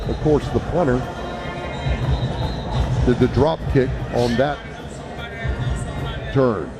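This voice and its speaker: Creaky-voiced male radio sports announcer. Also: medium pitch. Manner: excitable, partisan home-team calling. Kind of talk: radio sports play-by-play commentary.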